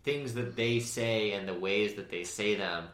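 A man's voice: lowish voice, measured pace. A man co-hosting a casual chat podcast, thinking aloud with many fillers. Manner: thoughtful, filler-heavy, lively. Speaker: podcast co-host. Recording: echoey room.

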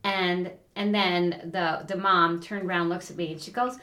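Middle-aged lady cohost telling stories, does little voices for people, kinda low voice, roomy echo. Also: moderate pace. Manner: animated storyteller, acts out voices in anecdotes. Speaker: podcast co-host. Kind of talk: casual chat.

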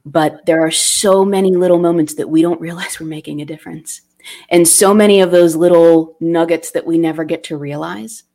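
Woman educator on a podcast, kinda low voice, thoughtful, stops and restarts a lot. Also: mellow. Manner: reflective, thoughtful, halting restarts. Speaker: guest, academic director and educator. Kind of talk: storytelling in a podcast interview.

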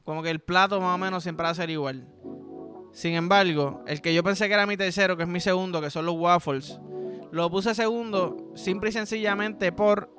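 A man's voice: sits high, fairly even intonation, normal speed, over music. A young Puerto Rican man hosting a podcast, telling crude stories in a joking, casual way. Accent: Puerto Rican Spanish. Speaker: podcast host. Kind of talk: casual solo podcast monologue.

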